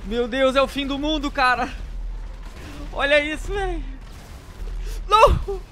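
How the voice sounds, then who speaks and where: Very high-pitched, frantic man. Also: normal speed, bright, forceful tone, slight background noise. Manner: panicky, exclamatory, repeats words. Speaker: gameplay streamer. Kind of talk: excited gameplay commentary.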